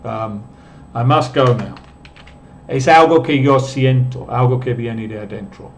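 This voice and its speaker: A male teacher runs a live online lesson, taking things slowly and patiently. His voice sits at an ordinary middle pitch, and he pauses often to read out comments from viewers. Faint keyboard typing can be heard in the background. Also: a little hiss or hum. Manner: patient, explains step by step and reads out viewer comments. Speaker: English teacher.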